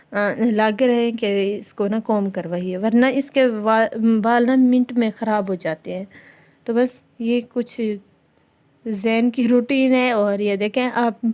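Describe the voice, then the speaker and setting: Young woman, home vlogger, fairly high voice, mellow warm tone, chatty and rambling, sing-song coos to a baby. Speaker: family vlogger, mother of a small child. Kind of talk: casual home vlog chat.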